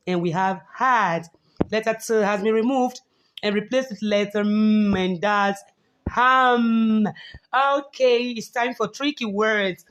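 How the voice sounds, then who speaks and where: A young woman, teaching a slow, patient phonics lesson to young children and repeating words for them to copy. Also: medium pitch.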